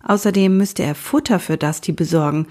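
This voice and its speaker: A woman calmly narrating a children's audiobook story. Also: on the low side, brisk.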